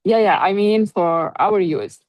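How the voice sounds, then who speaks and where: A woman's voice: mid-range voice, unhurried, darkish tone. Direct woman from Saudi Arabia. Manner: brief, direct. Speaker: PhD student. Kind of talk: video call chat.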